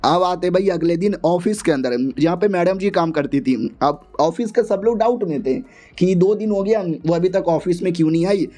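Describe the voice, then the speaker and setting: A man's voice: high voice, moderate pace, dark tone. A man narrating a manga recap in a casual, chatty way, with wry asides to viewers.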